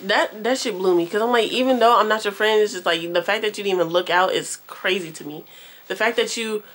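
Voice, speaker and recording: A young woman vlogger telling a storytime tale to her viewers, casual, animated and heavily profane. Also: medium pitch, brisk.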